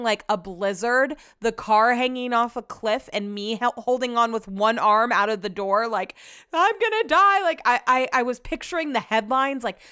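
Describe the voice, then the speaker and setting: A woman's voice: on the high side, a bit bright, clean tone, no echo, clean studio sound. Young American woman chatting with a lisp. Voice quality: lisp, slushy s sounds from dental trays. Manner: chatty, slangy, animatedly quotes herself and others. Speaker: podcast host. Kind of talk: casual solo chat, recounting stories.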